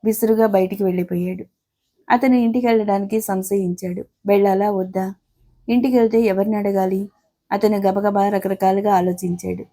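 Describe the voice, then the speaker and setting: Storyteller: middle-aged woman, dark warm tone, scripted narration, characters read in her own voice. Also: medium pitch.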